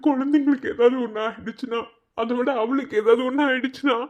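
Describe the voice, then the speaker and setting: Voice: high-pitched, steady tone, fast, lightly acted. A voice actor playing a worried young male relative who politely and hesitantly questions a doctor. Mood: anxious. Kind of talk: cartoon voice acting.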